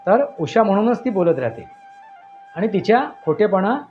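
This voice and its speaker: High-voiced man telling a horror tale. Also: sing-song, moderate pace, a little mellow. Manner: emphatic, repetitive phrasing. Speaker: storyteller. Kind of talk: dramatic horror story narration. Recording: dull lo-fi audio with faint music.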